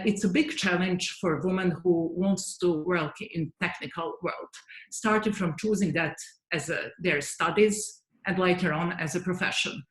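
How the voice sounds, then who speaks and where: A Serbian woman in her forties, who heads software development, answers interview questions as a guest with earnest thoughtfulness and frequent hesitations. She has a Serbian accent and a voice on the low side, recorded in an echoey room.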